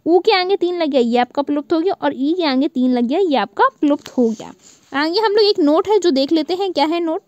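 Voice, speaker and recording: A woman teaches an online class in a high, clear voice. She repeats each key point back to her students as a question. The recording is dry and close, with no room echo. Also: animated, brisk, a little mellow, dull audio. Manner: draws out vowel sounds to demonstrate length.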